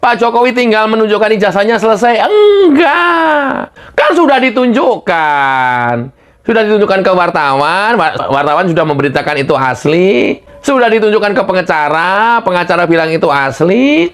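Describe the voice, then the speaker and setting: A woman's voice: mid-range voice, expressive, brisk, few pauses. A woman giving a heated political rant, exasperated and scolding, firing off rhetorical questions.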